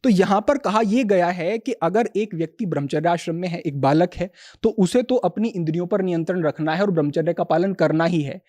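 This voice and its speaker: Man, yoga teacher, high voice, mellow tone, calm explanations, podcast guest. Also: fairly quick, few pauses. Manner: calm explanatory, quotes Sanskrit verses. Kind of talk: spiritual podcast discussion.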